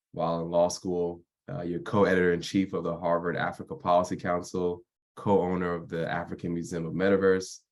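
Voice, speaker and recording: Young male podcast host, very low and flat delivery, laid-back slangy chat. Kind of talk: casual interview chat.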